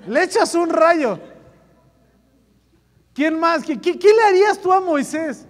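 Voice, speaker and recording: A man's voice: very high voice, lively intonation, slow. A man giving a joking, slang-filled sermon to a youth group. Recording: echoey hall reverb.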